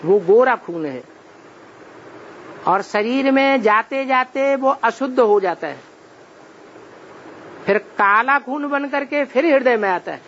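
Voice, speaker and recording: A man giving a religious discourse, explaining slowly and asking rhetorical questions of his listeners. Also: extremely high pitch, expressive, a bit bright, highs cut off, slight background noise. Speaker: spiritual teacher.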